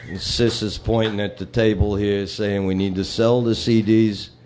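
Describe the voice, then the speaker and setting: A man's voice: lowish voice, level tone, normal speed, a little mellow, a little hiss or hum. A man performing a live comedy set, telling bar jokes with rambling, wisecracking patter between them.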